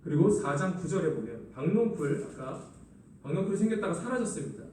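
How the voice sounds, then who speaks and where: A male pastor preaches with a lively, rising and falling delivery, playing out the quoted words himself. His voice is fairly high for a man but mellow and dark. It booms around a reverberant church hall, picked up from some way off the mic. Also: brisk, distant mic, slight background noise. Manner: expressive preaching, acting out quoted lines. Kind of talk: sermon. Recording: echoey hall, voice from afar.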